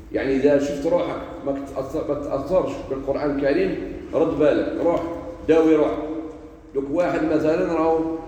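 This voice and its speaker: A man preaching a sermon with an Algerian Arabic accent, shifting between loud emphasis and quiet asides. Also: a little high. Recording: echoey hall from far off.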